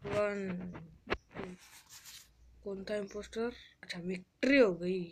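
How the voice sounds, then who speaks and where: A woman's voice: mid-range voice, slow pace, heavy background noise. A woman giving casual, chatty commentary while playing a video game, whining and pleading in fun. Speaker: gamer.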